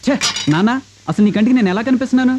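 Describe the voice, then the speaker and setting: An actor playing a bold young newspaper reporter who talks back and stays cheeky. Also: male voice, very high-pitched, background noise. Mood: exasperated. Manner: quick, cheeky, defiant.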